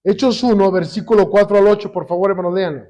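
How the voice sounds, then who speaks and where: A man teaching a Bible lesson to a congregation, often pausing to quiz them with call-and-response questions and slowing down when he quotes scripture. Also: high-pitched, mellow. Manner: slows down when quoting scripture. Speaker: church teacher. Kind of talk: sermon-style Bible lesson.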